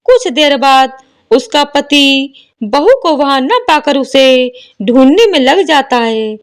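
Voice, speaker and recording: A woman narrating a devotional folk tale in a steady, measured storytelling manner. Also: high voice.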